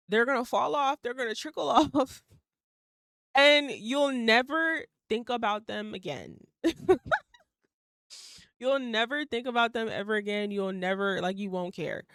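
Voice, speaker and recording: On a studio-quality recording with no echo, a young woman in her twenties hosts a solo podcast in a fairly high, fairly bright voice. She rambles casually, leans on many fillers, swears occasionally, and laughs partway through sentences.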